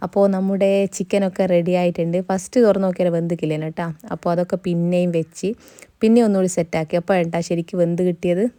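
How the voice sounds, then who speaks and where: A woman's voice: fairly low pitch, mellow, no echo, studio quality. A young woman narrating her travel vlog in a casual voice-over, chatty and tagging little words onto her sentences. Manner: chatty, tag words at line ends. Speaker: travel vlogger.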